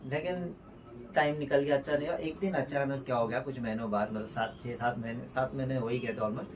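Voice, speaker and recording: A man's voice: medium pitch, steady tone, brisk. A young man, a vlogger and new father, telling a personal story in a heartfelt, rambling way with restarts. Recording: distant mic with faint ambient noise.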